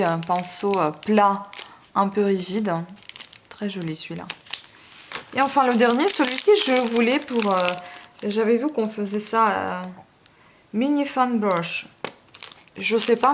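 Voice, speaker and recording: A woman talks casually as she unboxes makeup brushes, hesitating often and filling pauses with little sounds. Her voice sits at an ordinary middle pitch. Steady noise and crinkling packaging stay in the background of the homemade recording. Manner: chatty, hesitant, many fillers. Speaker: beauty vlogger. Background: wind noise and plastic crinkling.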